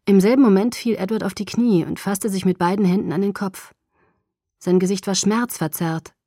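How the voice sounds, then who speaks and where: A woman reading a novel aloud in the first person, with a dramatic, expressive delivery. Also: mid-range voice, moderate pace, dry recording, studio quality. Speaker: audiobook narrator.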